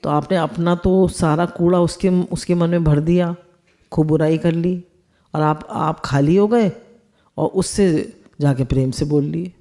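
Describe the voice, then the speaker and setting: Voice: medium pitch, unhurried, dark tone. A spiritual teacher giving a discourse, explaining with everyday household examples and asking the listeners rhetorical questions.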